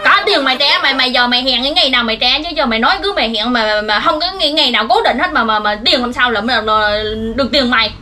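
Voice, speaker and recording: A woman's voice: a little high, very fast, few pauses, crowd noise. A woman acting in a comedy sketch, lecturing and scolding.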